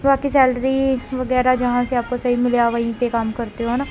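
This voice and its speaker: A woman's voice: fairly high pitch, completely flat delivery, moderate pace. A woman vlogging casually at home about her day as a mother, talking in a rambling way with frequent tag questions. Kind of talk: casual chatty daily vlog.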